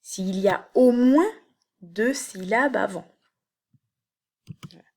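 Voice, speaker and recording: Female teacher, recorded video lesson, slow and careful delivery, frequent hesitations. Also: on the high side, darkish tone. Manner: slow, explanatory, with many fillers and restarts. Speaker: university teacher. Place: home, late evening.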